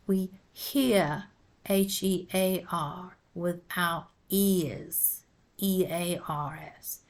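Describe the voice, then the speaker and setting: A woman teaching pronunciation, carefully spelling words out letter by letter. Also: lowish voice. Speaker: English teacher. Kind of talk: slow, careful pronunciation lesson.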